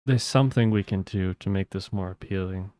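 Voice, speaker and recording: A man's voice: low-pitched, fairly quick, warm tone. A man co-hosting a podcast in casual chat, blunt and teasing, swearing casually. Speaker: podcast co-host.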